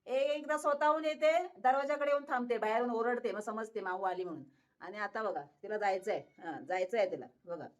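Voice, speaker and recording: A woman's voice: mid-range voice, brisk. A woman in a casual pet vlog, talking to her viewers and coaxing her cat, repeating words and laughing often. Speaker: pet vlogger. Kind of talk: casual talk to camera while coaxing a cat.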